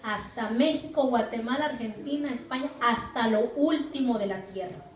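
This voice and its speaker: A woman's voice: fairly high pitch, normal speed, slight background noise. A woman pastor preaching a sermon emphatically, asking rhetorical questions and acting out what people say. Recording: echoey room, far from the mic.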